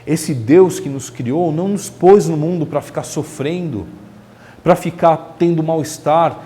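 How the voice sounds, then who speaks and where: A man's voice: a little high, unhurried, warm tone, in a large hall. A man giving a spiritist lecture in a chatty way, asking the audience rhetorical questions. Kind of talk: religious lecture. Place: lecture hall of a spiritist center.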